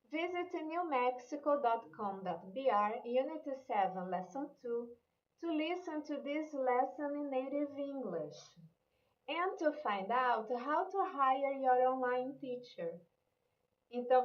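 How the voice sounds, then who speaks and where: Brief: woman, Brazilian accent, patient English teacher, slightly high voice, roomy and slightly muffled recording. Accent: Brazilian Portuguese. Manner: explains patiently, mixes English and Portuguese, frequent "né?" and "ok?". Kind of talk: online language lesson.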